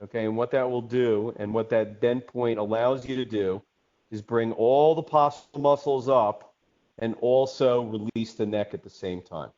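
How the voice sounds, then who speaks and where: A man's voice: mid-range voice, moderate pace, darkish tone. A man teaching an online webinar in a conversational way, often checking in with "okay?". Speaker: instructor. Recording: dull lo-fi webinar audio.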